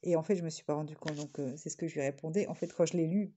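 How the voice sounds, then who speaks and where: A woman's voice: sits low, racing, dark tone, highs cut off, slight background noise. A woman with a northern French accent chatting casually in a vlog while she crafts, rambling with many fillers and restarts and laughing often. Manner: self-described jokey, laughs often. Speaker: vlogger.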